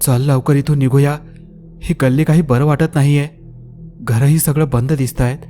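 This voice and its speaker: A man's voice: mid-range voice, steady tone, moderate pace, mellow, faint music behind, natural voice. A man voicing a frightened young man who pleads in a shaky, urgent, raised voice. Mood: scared.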